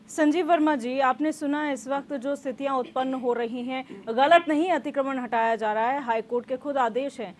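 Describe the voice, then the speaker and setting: High-voiced woman news anchor. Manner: formal, prompting. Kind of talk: moderating a panel debate.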